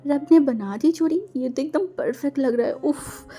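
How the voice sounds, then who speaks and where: A woman voicing an excitable, giddy young man who gushes and pleads quickly. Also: high-pitched, voice pushed up, lightly acted.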